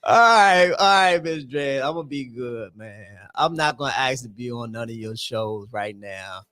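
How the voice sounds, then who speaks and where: A man's voice: medium pitch, lively intonation, moderate pace, sharp tone, no room sound. A man co-hosting a podcast in casual chat, playful and teasing, laughing often. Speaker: podcast co-host.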